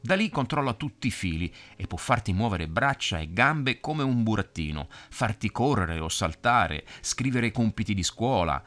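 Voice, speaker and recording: A man reading a children's story aloud, explaining things gently as if talking to a child. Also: lowish voice, lively intonation, moderate pace, few pauses.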